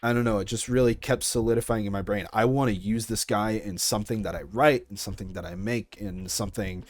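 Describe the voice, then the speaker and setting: In his twenties, a creator is interviewed about his audio project and replies casually, working through his thoughts as he speaks. He talks a little fast with fairly even intonation in a fairly low voice, and the recording is dry.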